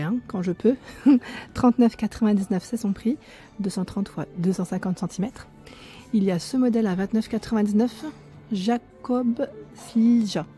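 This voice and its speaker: In a casual walkthrough vlog, a French shopping vlogger with a mellow, mid-range voice wanders a big furniture store. She keeps up a running chat, reads the prices aloud, and stumbles on the names of products.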